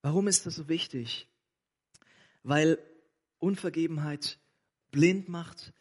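A man's voice: on the high side, slow, darkish tone. A man preaching a sermon, retelling a parable and addressing the listeners directly. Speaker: pastor.

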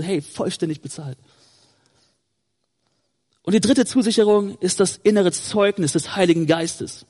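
A man's voice: high voice, a little mellow, in a large hall. A man preaching a sermon, earnest and encouraging, who addresses listeners directly and often says "hey".

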